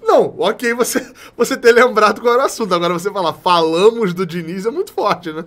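Um homem na casa dos trinta com sotaque carioca, apresentando um podcast de futebol por chamada de vídeo de casa, brincalhão e cansado. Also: male voice, high voice, fast. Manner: joking, animated, imitates others. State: tired. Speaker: podcast host. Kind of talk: casual football podcast chat. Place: home room.

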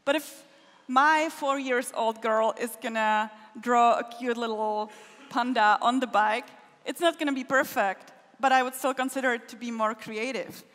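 Speaking a little high at a normal pace, a woman with a fairly bright tone and fairly even intonation jokes informally as she answers audience questions as a conference keynote speaker. She's picked up by a stage microphone in a large wooden concert hall full of people, and the recording echoes.

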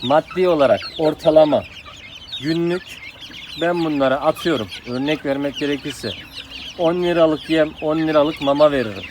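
A man's voice: a little high, normal speed, a little mellow. A man hosting a casual outdoor chat, asking a poultry keeper questions and talking straight to his viewers. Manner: asks many questions, addresses viewers directly. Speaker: channel host interviewing a poultry keeper. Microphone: handheld phone camera. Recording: clear outdoor noise with chickens.

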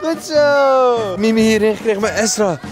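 A man's voice: sits high, moderate pace. A man chatting casually for a family vlog, playfully urging children along with repeated phrases. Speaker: parent vlogger filming a family day out. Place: outdoors in an amusement park. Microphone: handheld camera. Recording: crowd and music behind.

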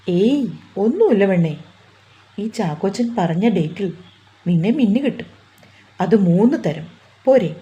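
A woman's voice: mid-range voice, animated, a little slow, long pauses, warm tone, dull audio, close to an everyday voice. Woman reading a teasing, bossy young fiancé. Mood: reassuring. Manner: teasing, coaxing, commanding.

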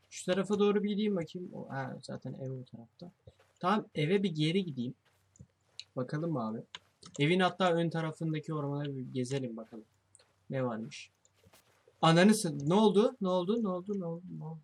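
There's slight background noise behind this young man's fairly high voice. Playing a horror game for a let's play, he thinks out loud to his audience, jumpy and swearing.

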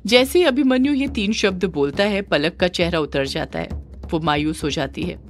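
A woman narrating a scripted serial story in a lively, dramatic storytelling manner. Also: on the low side, normal speed, faint music behind.

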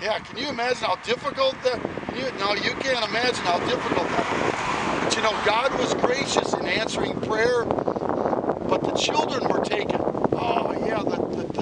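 High-voiced man talking to a toy outdoors. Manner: talks to a stuffed toy as if it answers, with repeated affirmations. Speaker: vlogger addressing a toy companion. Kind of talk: earnest outdoor monologue. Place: outdoors in a wooded park by a sign. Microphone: camera several feet away. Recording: distant camera mic with loud wind noise.

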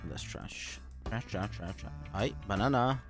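A man's voice: on the low side, a little slow. A man talking casually over online game voice chat, muttering to himself as he plays. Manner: mutters to himself while playing. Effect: heard over online game voice chat. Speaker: gamer. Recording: background game music.

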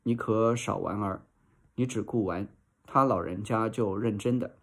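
A sharp-tongued young maid, read by a man talks back in an aggrieved tone. The voice stays slow and lowish, as in a storybook reading. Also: vocal fry, exaggerated voice. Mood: protesting. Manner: protesting, aggrieved.

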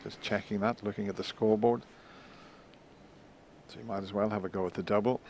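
A man giving hushed, measured snooker commentary in a low-key manner. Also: fairly even intonation. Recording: crowd and hall noise behind voice. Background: snooker arena crowd ambience.

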